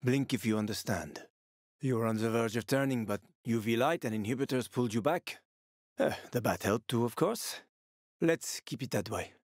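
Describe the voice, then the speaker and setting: A man voices a hardened male survivor from a video game, using a medium-pitched voice close to his everyday one at normal speed. The character sounds worn by the world, sardonic, streetwise, gritty, and foul-mouthed, with menace never far off, yet guarded and reassuring in mood. The delivery is dramatic, and the sound is close and dry with no room sound.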